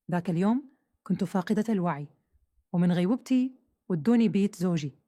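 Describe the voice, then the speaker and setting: A woman's voice: mid-range voice, warm tone, no echo, clean studio sound. A woman narrating a first-person audio story in an earnest tone.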